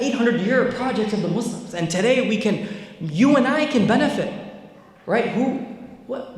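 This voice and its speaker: In a big, echoey hall with long reverb, a young man from the Bay Area lectures casually on history as an Islamic scholar. His voice is very high-pitched with a darkish tone, and he talks conversationally, using many fillers and tag questions.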